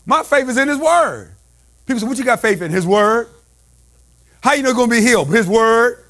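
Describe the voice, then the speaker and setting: A male pastor preaching a call-and-response sermon, shouting and slipping into a sing-song cadence. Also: very high voice, lively intonation, normal speed.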